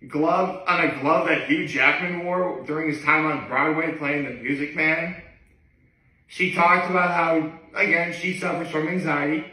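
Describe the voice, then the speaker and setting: With a fairly high, bright voice, a man who vlogs daily rambles casually to camera in his living room. His manner is hesitant and digressive, with frequent backtracking. Recorded by a camera a few feet away, the audio is echoey and distant.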